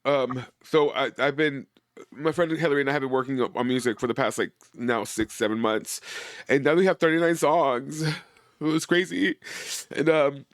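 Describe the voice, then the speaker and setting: A man's voice: mid-range voice, steady tone, normal speed, dry recording, clean studio sound. A man in a casual live-stream chat, rambling and stammering with a lot of emotion.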